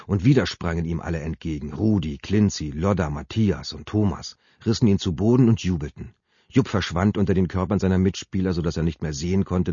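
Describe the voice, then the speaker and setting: A man narrating an audiobook in a measured storytelling way. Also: low-pitched, dark tone, breathy edge, no echo, highs cut off. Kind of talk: audiobook reading.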